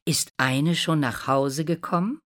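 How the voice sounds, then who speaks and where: A woman's voice: low voice, measured pace, fairly bright tone. Woman doing an eager young prince.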